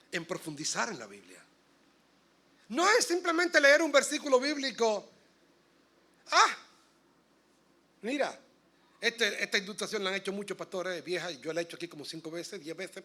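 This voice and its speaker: Animated man preaching a sermon. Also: high-pitched. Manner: animated preaching, swings between soft asides and loud emphatic bursts; addresses the congregation directly with questions. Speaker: pastor. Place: church sanctuary.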